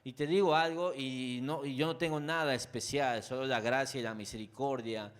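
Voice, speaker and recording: Mexican pastor preaching in an easy, personal way. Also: male voice, steady tone, normal speed, smooth. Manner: talks directly to listeners with frequent asides; swings between loud emphatic peaks and quiet low lines. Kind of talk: conversational sermon.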